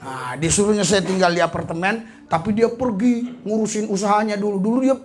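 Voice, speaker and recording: A man from Indonesia, a pastor preaching a sermon in an animated, storytelling way, throwing in hallelujahs between his points and falling into casual slang. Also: high-pitched, fairly quick.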